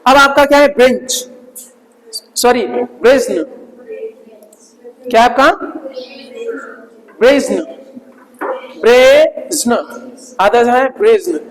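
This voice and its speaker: High-pitched male teacher, reverberant hall. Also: takes it slowly, long pauses. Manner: repeats words and checks with "ठीक है ना?". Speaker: English vocabulary teacher. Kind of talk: Hindi-English vocabulary lesson.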